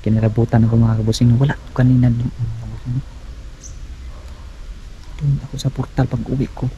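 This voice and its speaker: A man filming a ghost-hunting vlog outdoors at night on a handheld camera, calling out loudly, then dropping to hushed asides for his viewers. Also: medium pitch, flat delivery, brisk, muffled recording, slight background noise. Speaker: paranormal vlogger.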